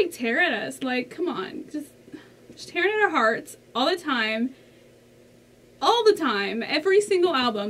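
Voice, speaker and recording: High, lively, excitable woman reacting. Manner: excitable and gushing, with sudden squeals and exclamations. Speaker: reaction vlogger. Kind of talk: casual reaction commentary.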